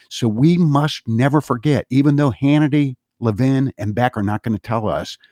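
A man with a fairly low voice delivers a long political monologue. He hammers his points with insistent repetition, like a speech. The sound is dry and close, with no room echo. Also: darkish tone. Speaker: political commentator. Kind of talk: monologue commentary.

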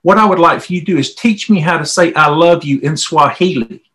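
Here a middle-aged man with a Southern US accent speaks a little fast, his fairly high voice a touch bright. He is a volunteer interviewee spinning personal yarns in a homespun, chatty manner.

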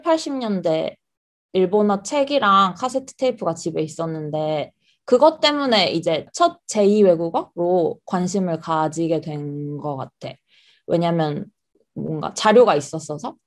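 A young woman from South Korea speaks as the guest in a casual interview. Her voice sits at a middle pitch. She explains her points reflectively, in a conversational way. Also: lively intonation, unhurried.

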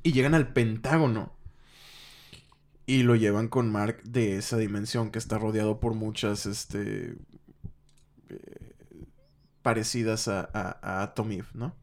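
A man's voice: fairly low pitch, steady tone, unhurried, pauses often, a little mellow. A young man with a Mexican accent, casually retelling a comic book story and voicing the characters' lines in a raised voice. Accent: Mexican Spanish. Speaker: podcast co-host recapping a comic book.

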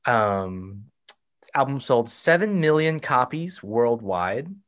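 A man's voice: mid-range voice, big pitch swings, slow, a bit bright. Rambling man with a Texan accent. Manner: rambling, many fillers and restarts. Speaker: podcast co-host. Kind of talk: casual chat.

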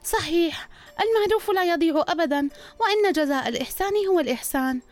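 High squeaky timid rabbit, anxious worrier; a woman puts him on. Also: animated, fast talker, faint music behind. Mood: amazed. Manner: anxious, fretful self-talk. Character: timid male rabbit, later old and slow.

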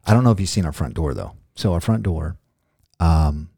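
A man's voice: sits low, expressive, moderate pace, creaky, dark tone, husky, no echo, studio quality. A middle-aged man hosting a podcast in casual chat, rambling and joking off on tangents. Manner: rambling, jokey, goes off on tangents. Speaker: podcast host.

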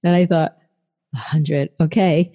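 A woman's voice: deep voice, fairly even intonation, measured pace, mellow. A woman telling a personal story in a conversational way, with many fillers. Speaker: speaker sharing a personal story. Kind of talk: storytelling talk.

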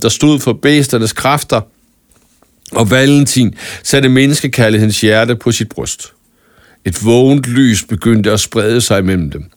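A man reading a scripted Christmas story aloud in a calm, even storytelling manner with small stumbles now and then. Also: mid-range voice, no echo, studio quality. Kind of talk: scripted audiobook narration of a Christmas tale.

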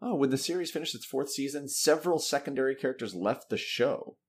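A man hosting a podcast in casual chat, animated, laughing often and swearing freely. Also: mid-range voice, fairly quick, breathy edge. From Massachusetts. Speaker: podcast host.

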